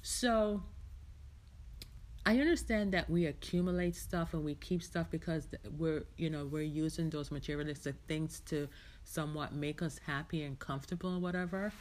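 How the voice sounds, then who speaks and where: Woman host from Jamaica, middle-aged, casual rambling podcast chat, slightly low voice. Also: normal speed, a little mellow. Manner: chatty, rambling, heartfelt, many "you know"s.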